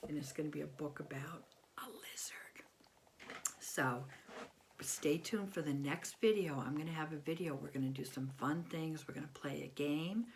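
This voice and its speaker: At a moderate pace and low pitch, an American woman in her fifties reads aloud from a picture book for young kids, expressive and quick to explain simply and ask the listener questions. She's in a small bedroom at home, and there's a little hiss or hum.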